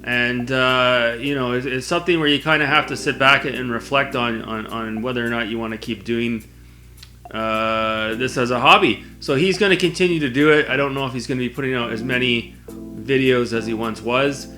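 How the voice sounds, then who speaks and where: Bright-voiced man chatting to camera. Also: mid-range voice, steady tone, moderate pace, faint music behind. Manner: conversational, rambling. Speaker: video blogger. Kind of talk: casual spoken vlog to camera.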